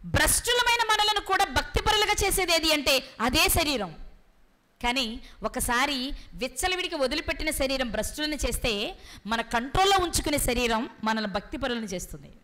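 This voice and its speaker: High bright-voiced woman preaching. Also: lively intonation. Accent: Telugu. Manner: rhetorical questions, dramatic pauses. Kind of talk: sermon.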